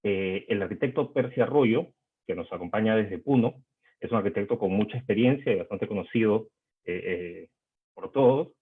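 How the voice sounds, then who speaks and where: A man with a low voice opens and moderates a panel, speaking in a measured, formal way and pausing often on hesitant fillers. His voice comes through a tinny, phone-like video call line. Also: breathy edge.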